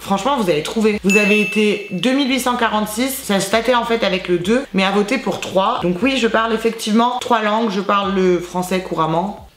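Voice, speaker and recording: A woman's voice: mid-range voice, fairly quick, reverberant, noisy background. A woman in her twenties, from Azerbaijan, chatting playfully and self-mockingly with her viewers in a casual vlog. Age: 20s. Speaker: YouTuber.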